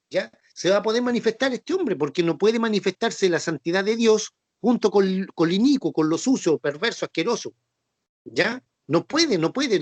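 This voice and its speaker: Bible study teacher, man, Chilean accent, patient and repetitive, higher-pitched voice, dry close sound. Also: dry recording. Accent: Chilean Spanish. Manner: patient and repetitive, with frequent "¿no es cierto?" and "ya" checks. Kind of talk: Bible class explanation with quiz questions.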